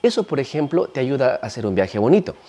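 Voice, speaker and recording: A Peruvian-accented ayahuasca practitioner talks in a casual interview, animatedly acting out the people he describes. His voice is medium-pitched and fast.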